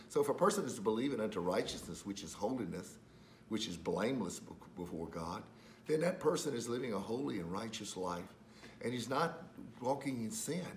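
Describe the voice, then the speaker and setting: A man preaching a sermon as host of a ministry, calm when reading scripture and climbing to loud, high-pitched urgency as he presses his point. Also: a little hiss or hum.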